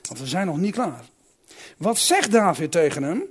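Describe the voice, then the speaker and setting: A man preaching a sermon who asks his listeners direct questions and swings between loud emphatic calls and quiet reflective asides. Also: sits high, very animated, moderate pace, husky.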